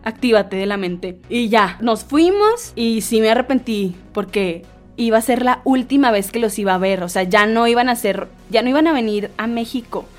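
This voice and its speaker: A lively young Mexican woman tells stories and entertainment news in a slangy, animated way. Her voice sits fairly high. Faint music plays behind her. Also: normal speed. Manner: animated, slangy, acts out quotes in other voices. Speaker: vlogger host. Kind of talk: casual storytelling and chatty entertainment news.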